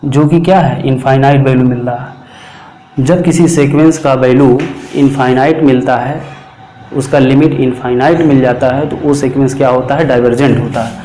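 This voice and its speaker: A man's voice: mid-range voice, steady tone, dark tone. Man lecturing in an echoey room. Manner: rhetorical questions answered himself, dictating formulas slowly. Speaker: mathematics teacher. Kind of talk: classroom lecture explaining problems.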